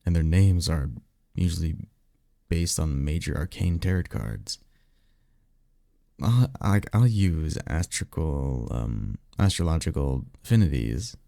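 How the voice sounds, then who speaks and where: A man voices a blunt, sarcastic vampire mentor in a one-sided ASMR roleplay audio drama, his low voice crackling with fry and moving expressively at a measured pace. He sounds warm yet exasperated, casual, skeptical and explanatory, with conversational hesitations, fully in character. The studio recording is clean with no room sound.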